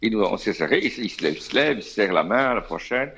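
Low, gravelly Belgian man telling stories. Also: fast talker. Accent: Belgian French. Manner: chatty, animated, many fillers and asides. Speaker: radio guest. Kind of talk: casual anecdote telling.

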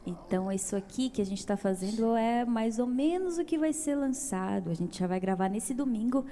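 A woman's voice: fairly high pitch, animated, normal speed, dark tone, slight background noise. Giggly young Brazilian woman singer. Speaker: singer guest. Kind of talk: casual interview.

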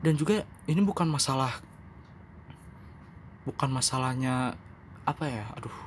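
A young man hosting his own podcast, talking candidly and rambling, now calm, now emphatic and self-mocking. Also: mid-range voice, a little slow, a little hiss or hum. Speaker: podcast host. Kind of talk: casual solo podcast monologue.

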